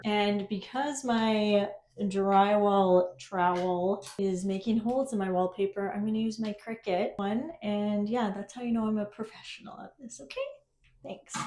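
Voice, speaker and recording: Filming on her phone, a young woman with a mid-range voice vlogs her DIY bathroom renovation as she works, her narration casual, chatty, self-mocking and a bit flustered. The audio carries background noise, bathroom echo and faint clicks.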